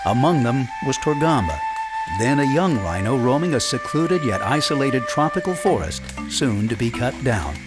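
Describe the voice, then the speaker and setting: A man narrates a nature documentary with measured drama. His pitch moves in a lively way as he tells the story, and loud music plays under his voice.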